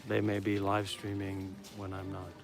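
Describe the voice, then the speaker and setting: In a low, monotone voice at a moderate pace, an American man from Maryland chats on a live stream at a meditation center. He's earnest and informal, letting his thoughts wander, and his phone picks up clearly noisy audio.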